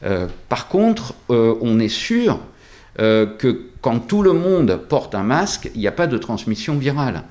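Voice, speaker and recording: A man's voice: medium pitch, very animated, a little slow, darkish tone. Man explaining hesitantly through a face mask. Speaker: doctor at a local practice being interviewed. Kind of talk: interview answers, explanatory.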